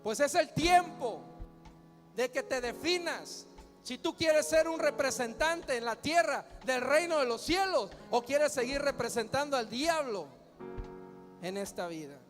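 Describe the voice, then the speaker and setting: A man's voice: extremely high pitch, expressive, a little slow. A man preaching a sermon as pastor, emphatic, firing rhetorical questions and calling the crowd to answer. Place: large church hall. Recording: long hall reverb with faint music.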